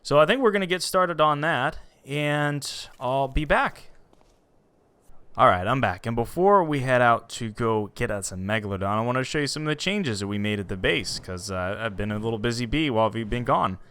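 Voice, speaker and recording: A man hosting a let's play, chatting casually and getting excited as he plays. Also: medium pitch, normal speed, clear, resonant tone, dry recording. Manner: chatty, excitable, self-talking while playing. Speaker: gaming channel host.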